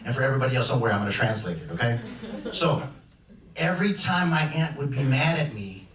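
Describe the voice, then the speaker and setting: Heard from a distance in an echoey club, a young comedian from Chicago works the stage with a loose, rambling set full of restarts while the audience laughs. His mid-range voice is lively and quick, with crowd noise around him.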